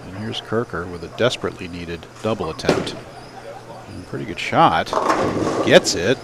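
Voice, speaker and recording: A man's voice: sits low, expressive, moderate pace, gravelly. A man doing live play-by-play commentary at a bowling center, chatting between shots. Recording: live broadcast with crowd behind. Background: crowd and bowling noise.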